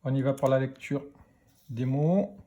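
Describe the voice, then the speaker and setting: A man teaching a phonics lesson to children, speaking slowly and deliberately as he spells out letters and sounds. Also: medium pitch, warm tone, lo-fi sound.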